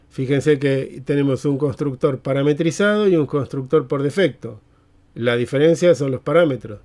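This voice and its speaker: A man's voice: mid-range voice, warm tone. A man teaching a live online programming class, explaining step by step and checking in with tags like "eh?" and "mm?". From Argentina.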